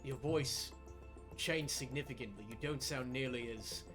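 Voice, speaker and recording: A man's voice: mid-range voice, normal speed, over music. A man running a tabletop game as game master, narrating scenes and calling for rolls.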